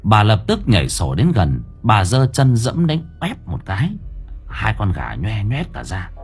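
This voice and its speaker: A man narrating a dark storybook tale in a measured, suspenseful way. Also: fairly low pitch, huge pitch swings, faint music behind. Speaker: audiobook narrator.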